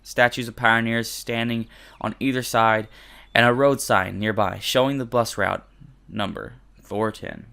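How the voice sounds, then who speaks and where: A man's voice: mid-range voice, fairly even intonation, measured pace, creaky, pushed and bright, clear, resonant tone. Give me a young guy hosting a let's play, reading game text aloud and cracking self-deprecating jokes. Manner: jokey, self-deprecating, swears casually. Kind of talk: reading a visual novel aloud with casual commentary.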